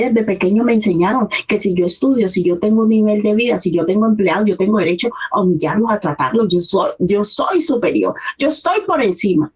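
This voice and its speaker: A woman's voice: mid-range voice, a little mellow, husky. A middle-aged woman pastor, preaching a sermon in an earnest, conversational way. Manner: earnest, conversational preaching, acts out quoted voices.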